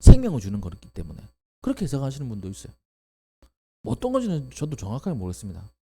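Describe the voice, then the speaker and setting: A male pastor preaching a sermon with a very lively, animated pitch. His tone is dark and mellow, and he stresses points with sudden rising exclamations. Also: quick pace, slightly rough.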